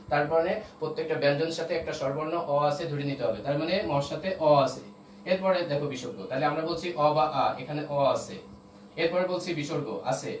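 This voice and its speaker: A man teaching an online class, explaining step by step and often checking that his students follow. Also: fairly high pitch. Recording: roomy echo, voice from a distance, faint noise.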